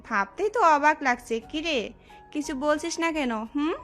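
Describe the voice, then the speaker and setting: Woman doing a loud bully girl from a college gang, high pitched, aggressive, faint music under it. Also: unhurried. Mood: incredulous. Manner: taunting, aggressive. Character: brash, bullying young female college senior. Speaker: friend of the gang leader. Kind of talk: Bengali audio love-story drama. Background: faint background music.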